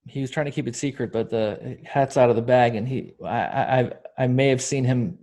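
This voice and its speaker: A man's voice: medium pitch, fairly quick, mellow. A man of forty, a podcast co-host who jokes in a sarcastic, mock-ranting way. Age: 40s. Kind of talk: casual chat.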